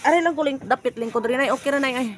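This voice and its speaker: A woman's voice: sits high, very fast. A woman vlogging while climbing a hillside, out of breath and chatty, with a Cebuano accent. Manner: breathless, chatty, laughing often. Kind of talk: casual vlog, walking and chatting. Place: outdoors, hillside village.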